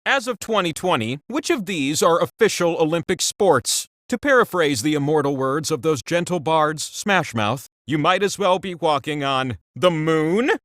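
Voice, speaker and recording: A man's voice: a little high, lively intonation, moderate pace, few pauses, fairly bright tone, no echo, clean studio sound. A man voicing a cheeky, vain giant talking wheel that hosts a comedic trivia video game with theatrical, mock-grand sarcasm. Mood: playful, teasing. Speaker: quiz game host. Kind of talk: comedic game show hosting.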